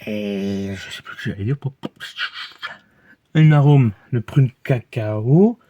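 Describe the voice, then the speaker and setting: Recorded at home with the highs cut off, a Belgian French-accented man talks through beer reviews slowly in a lowish voice. His delivery is loose and meandering, riddled with hesitations, fillers and false starts.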